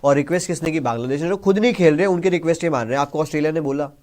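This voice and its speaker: A man's voice: on the high side, very fast, darkish tone. A man with an Indian accent hosting a casual cricket discussion, explaining the news in simple terms and reading English reports aloud. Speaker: cricket show host.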